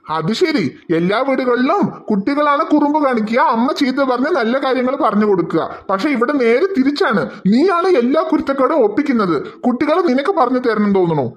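A man voicing a cartoon father who calmly reasons with and lectures his wife. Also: very high-pitched, fairly quick. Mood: lecturing. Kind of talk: cartoon voice acting.

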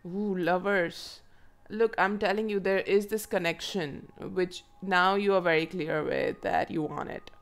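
A woman with a hoarse, froggy voice from a cold, reading tarot to viewers in an unhurried, musing way and asking herself questions aloud. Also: on the low side. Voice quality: froggy, croaky throat. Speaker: tarot reader and channel host. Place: indoors at a table.

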